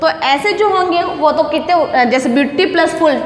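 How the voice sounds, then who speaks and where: A woman's voice: high-pitched, normal speed, slight background noise. A woman teaching an English grammar lesson, asking questions and answering them herself. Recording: echoey room with faint ambience.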